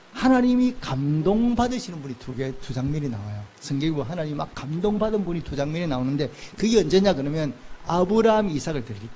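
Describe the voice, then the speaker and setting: Animated high-voiced male pastor preaching. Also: a little hiss or hum. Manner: animated preaching, swings between loud exclamations and soft, slow confessional murmurs; asks the congregation questions and answers them himself. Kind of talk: sermon.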